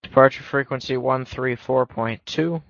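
A man working as an air traffic controller, issuing clearances in clipped radio phraseology. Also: mid-range voice, normal speed, fairly bright tone, dry recording. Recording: dull lo-fi radio audio.

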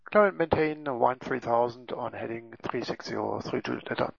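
A man's voice: medium pitch, normal speed, creaky, no echo. A man talking as a pilot over a cockpit headset radio, making clipped, procedural calls. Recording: muffled lo-fi radio audio.

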